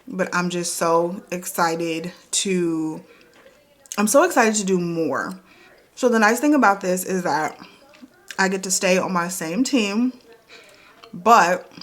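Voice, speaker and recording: A woman's voice: fairly low pitch, fairly bright tone. A woman, chatting upbeat to camera at her kitchen table in a casual vlog, repeating herself as she goes. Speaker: vlogger.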